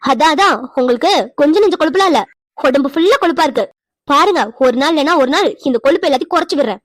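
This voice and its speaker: A woman voicing a quick-tempered young wife in a cartoon, scolding and demanding answers. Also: high voice, expressive, no echo, studio quality. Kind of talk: cartoon voice acting.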